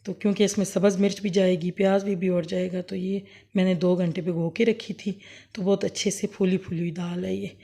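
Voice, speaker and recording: A woman with a sore, hoarse throat giving a rambling, homely cooking demonstration for her vlog. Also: lowish voice, level tone, brisk, warm tone. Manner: homely, rambling, self-correcting explanations. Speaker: cooking vlogger. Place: home kitchen, later outdoors under a fan.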